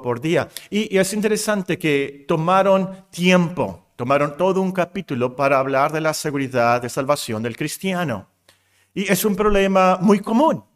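A middle-aged man preaching an expository sermon. He swells loudly on key phrases and drops to a quiet voice for asides. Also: a little high. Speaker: pastor.

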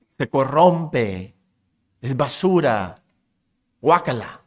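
A middle-aged man preaching a sermon to a congregation, rising in intensity as he builds his point. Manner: animated preaching, pitch rising as he builds to a climax. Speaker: pastor.

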